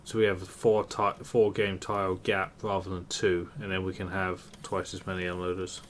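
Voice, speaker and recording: A man's voice: low-pitched, completely flat delivery, normal speed, a bit bright. A man streaming a multiplayer game with casual commentary, upbeat when he thanks viewers. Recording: clear background noise.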